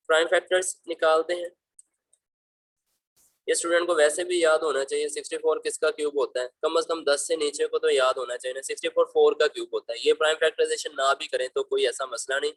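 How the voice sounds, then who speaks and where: A man's voice: fairly high pitch, no echo, rough recording. A man teaching school math in a patient, fatherly way, walking students through each problem step by step. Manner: patient, addresses students fondly as beta. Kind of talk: explaining math problems over slides.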